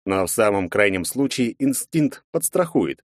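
Male audiobook narrator, low voice, measured first-person reading, dry close sound. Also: sing-song, no echo.

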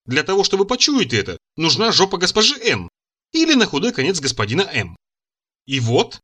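An expressive male narrator reading a satirical story aloud. His voice is bright and a little higher than most men's, and his intonation rises and falls in lively arcs. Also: brisk, slightly rough. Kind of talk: audiobook narration.

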